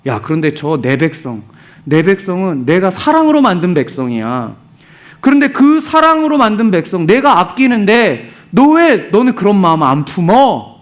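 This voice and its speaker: A fatherly God figure, blunt and reproachful, talking down informally, high and lively voice, voiced by a male preacher retelling scripture. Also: moderate pace. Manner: blunt, informal scolding with rhetorical questions.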